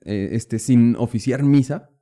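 A man's voice: medium pitch, unhurried, dark tone. A man hosting a podcast interview, speaking in a casual, hesitant way with many fillers. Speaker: podcast host.

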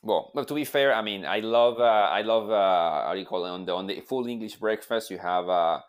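A man chatting casually as a podcast co-host, sometimes halting as he searches for words. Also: lowish voice. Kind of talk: casual conversation.

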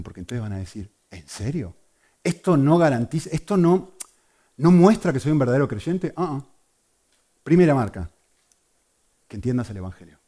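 Man preaching to a congregation; expressive, dips into quiet asides, warm mellow timbre. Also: medium pitch. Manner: animated, swings from loud emphasis to hushed asides. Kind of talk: sermon.

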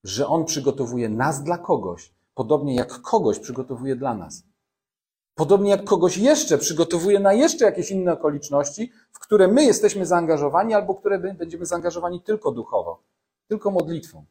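Male pastor, sermon, mellow voice, chatty asides to listeners, scripture reading. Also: on the high side, expressive, normal speed. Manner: conversational preaching with asides to the congregation; reads scripture aloud within the sermon.

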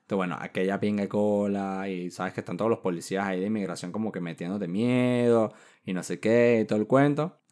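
A man's voice: fairly low pitch, brisk, darkish tone. A man from Venezuela with a Venezuelan Spanish accent, hosting a podcast and telling a travel story casually, acting out scenes with sound effects and voices. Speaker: podcast host.

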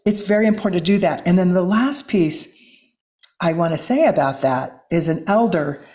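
This woman from Missouri speaks with a Midwestern American accent in a fairly low, warm voice at a normal pace. She's a guest and author in a conversational interview, talking earnestly and reflectively in a flowing, spiritual way.

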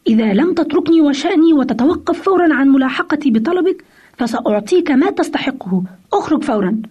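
A woman's voice: sits high, animated, fast, darkish tone. A woman voicing a tired, irritated father who scolds his little son sharply and impatiently, on a dull lo-fi radio recording.

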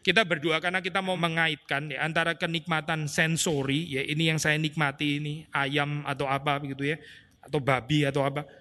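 A man preaching an expository sermon in a casual, animated way, mixing in English words. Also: on the high side, a little fast. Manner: conversational, animated, mixes in English words and slang. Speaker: pastor. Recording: long hall reverb.

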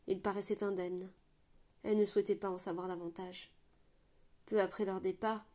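A woman narrating a novel aloud with a steady, measured reading. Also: mid-range voice. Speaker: audiobook narrator. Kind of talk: scripted storybook narration.

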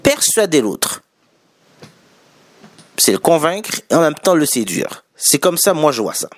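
A man's voice: fairly high pitch, very animated, a little slow, no echo. A man with a Québécois accent giving casual spoken business advice to viewers, chatty and correcting his own wording as he goes. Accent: Québécois French. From Quebec.

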